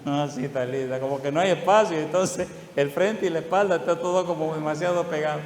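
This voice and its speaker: In an echoey church hall with long reverb, an older pastor delivers a sermon in a slightly high, brisk voice, with a faint hiss or hum on the audio. Emotional and prone to chuckling, he addresses the congregation with affectionate asides and rhetorical questions.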